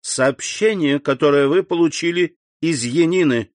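A man's voice: fairly high pitch, unhurried, no room sound, voice pushed up, lightly acted. A man voicing an indignant young nobleman. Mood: insistent. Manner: firm, insistent demands. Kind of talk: audiobook character reading.

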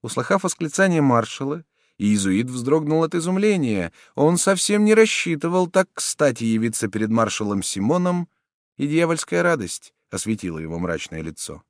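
A man reading a classic novel aloud as an audiobook narrator, measured and dramatic. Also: medium pitch, very animated, no echo, studio quality. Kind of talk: scripted literary narration.

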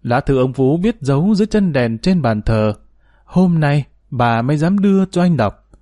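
A man narrating a story in a calm, measured and sorrowful way. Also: on the high side, dry recording, studio quality. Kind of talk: scripted narration.

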